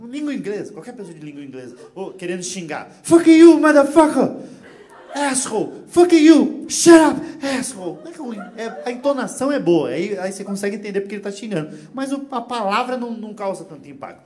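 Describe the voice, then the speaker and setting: A Brazilian man with a Brazilian Portuguese accent performing an animated stand-up comedy set, bursting into mock shouted insults. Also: high-pitched, quick pace, hardly any pauses. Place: comedy stage with live audience. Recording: live show with crowd laughter. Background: audience laughter, faint room noise.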